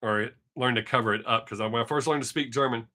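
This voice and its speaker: He talks fast, a Texas man in his fifties whose mid-range voice comes across pushed and bright. Via his webcam mic, he rambles through a casual live stream, chatting with viewers and throwing in some cursing.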